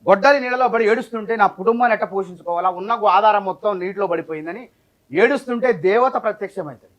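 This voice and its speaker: A man's voice: high voice, fast talker. A man, speaking as a party spokesman in a heated debate who tells a folk parable at length and talks over interruptions.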